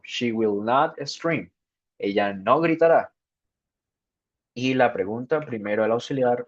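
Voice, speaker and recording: Male teacher, unhurried lesson delivery, muffled low-fi audio. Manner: slow, repeats "ok" to check understanding. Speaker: English teacher. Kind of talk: spoken grammar lesson. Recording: dull lo-fi sound.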